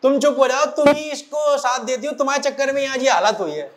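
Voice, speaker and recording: A man doing an irritated father who snaps and scolds, short of breath from climbing and in no mood to listen. The voice sits high for a man, told inside a classroom story. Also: expressive, fast, darkish tone. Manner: snapping, scolding. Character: angry middle-aged father, out of breath.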